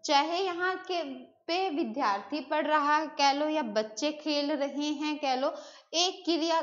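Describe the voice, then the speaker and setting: A woman's voice: high voice, fairly bright tone, lo-fi sound. A woman teaching Hindi grammar in a live online class, talking casually and replying to students' messages, with English words mixed in. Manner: chatty, answers students' chat messages, mixes in English words.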